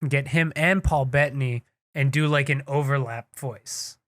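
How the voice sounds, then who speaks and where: An excitable young man co-hosts a casual podcast. He talks in quick, eager bursts and swears freely. His voice sits at a middle pitch and sounds close and dry, with no room echo. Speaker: podcast co-host. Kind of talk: casual chat. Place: home studio. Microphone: desk mic on a live stream.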